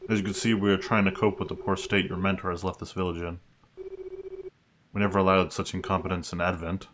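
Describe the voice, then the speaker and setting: A man plays a haughty refugee leader from a video game. The voice is very low, pompous and condescending, with clear noise behind it. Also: little pitch movement, a little fast, natural voice. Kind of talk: reading game dialogue aloud.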